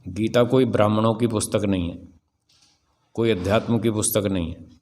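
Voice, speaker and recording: A man's voice: lowish voice, steady tone, normal speed, darkish tone. A man in his sixties, a swami, giving a spiritual discourse in a firm, rhetorical manner and putting questions to his listeners. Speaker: swami teaching scripture.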